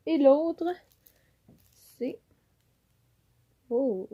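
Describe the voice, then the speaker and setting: Chatty Quebec woman, slow and rambling. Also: sits high, expressive, lo-fi sound. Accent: Quebec French. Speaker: YouTuber. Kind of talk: casual giveaway unboxing. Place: her home office. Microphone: camera mic.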